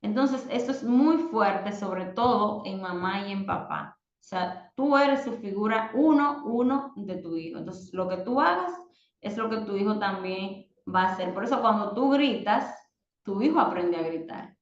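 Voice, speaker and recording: A woman, a mother, teaching an online parenting course and giving direct advice with slow, emphatic stresses. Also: mid-range voice, expressive, echoey room, muffled recording.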